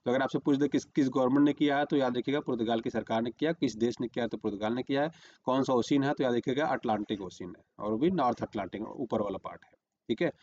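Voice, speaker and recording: A man's voice: mid-range voice, fast, a little mellow, highs cut off, a little hiss or hum. A man teaching a current-affairs lesson for exam prep, repeating "remember" and "okay" while marking a map on screen.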